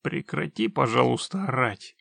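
A man voicing a cold, mercenary witcher who speaks with chilling, mocking calm. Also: mid-range voice, normal speed, creaky, dry recording, heavily acted. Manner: icily calm, dry, mocking. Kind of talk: audiobook reading.

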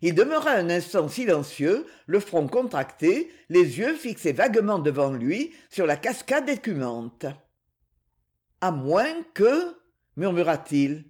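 A man narrating an adventure novel as an audiobook, in an expressive, dramatic reading. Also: high-pitched, unhurried, hardly any pauses, breathy edge.

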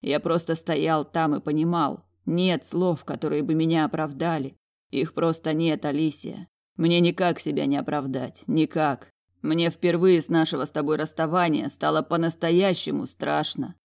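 A woman's voice: sits low, steady tone, normal speed, creaky, a little mellow. A woman voicing a proud young man who pleads earnestly for forgiveness, in storybook narration. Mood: pleading.

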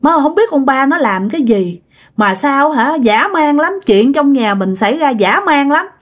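A woman's voice: high voice, expressive, normal speed. A woman voicing a frightened older woman pleading with her dead mother's spirit, with anxious questions.

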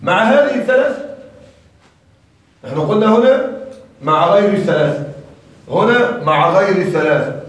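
A man teaching Arabic grammar to a class, stopping often to ask the students whether they follow. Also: high voice. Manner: asks the class frequent check questions. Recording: echoey room, mic far off.

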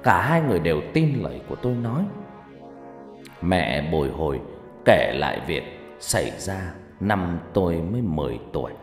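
A dramatic audiobook narrator whose pitch swings lively through the tale, heard in a long echoing reverb. Soft music plays underneath. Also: moderate pace. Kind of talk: storytelling narration. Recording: echoey reverb with background music.

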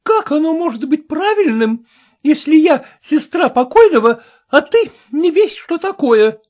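A woman's voice: high-pitched, big pitch swings, a little slow, darkish tone, pitched above the performer's own voice. A woman reading a storybook, voicing a grasping middle-aged woman who haggles shrilly and insistently. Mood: haggling, insistent.

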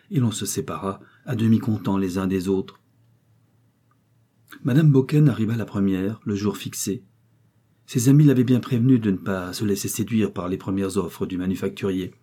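A man narrating a classic novel as an audiobook in a measured, even way. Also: lowish voice, husky.

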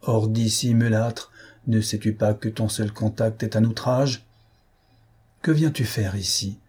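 A man voicing a jealous, furious young marquis who shouts in rage and scorn. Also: lowish voice, fairly even intonation, measured pace, husky.

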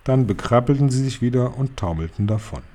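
A man reading a children's story aloud as an audiobook, in steady storytelling manner. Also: medium pitch, fairly quick. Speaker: reader.

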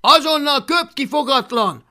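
An audiobook reader voicing an eager young viking boy hero who talks loudly and urgently. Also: medium pitch, pitched above the performer's own voice, natural voice. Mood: urgent shouting. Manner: loud, urgent, flattering.

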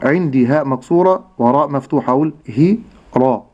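A man with an Egyptian accent teaching Quran recitation on a radio lesson, speaking slowly and patiently and drawing out words to demonstrate sounds. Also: medium pitch, darkish tone. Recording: dull lo-fi radio recording.

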